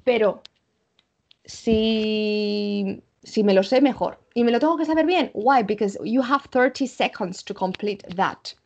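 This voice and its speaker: A woman with a Spanish accent teaching an English exam-prep class online, checking in often with her students and slowing down to model English examples. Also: on the high side, darkish tone. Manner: switches between Spanish and English, frequent "vale?" check-ins.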